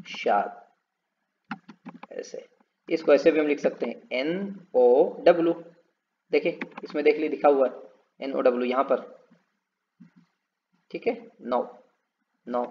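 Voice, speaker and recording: Male English teacher, slow and gravelly, drags each word out, dull lo-fi recording. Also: mid-range voice. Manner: repeats words slowly and drawn out, explaining spellings. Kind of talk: spoken English lesson.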